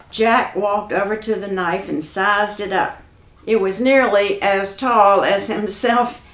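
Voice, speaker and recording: A woman storyteller reading a folk tale aloud in an unhurried, folksy way. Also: mid-range voice, roomy sound. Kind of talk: storybook narration.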